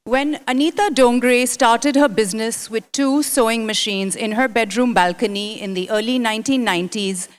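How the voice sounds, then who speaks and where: A woman moderating a stage panel, reading a measured, formal introduction and asking questions. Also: a little high, clean tone. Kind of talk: stage interview with scripted introduction.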